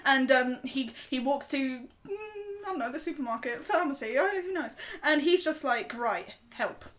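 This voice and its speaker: A woman's voice: high voice, lively intonation, normal speed, fairly bright tone. A woman rambling and giggling as she makes up a silly story in a group game chat. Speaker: player pitching a story.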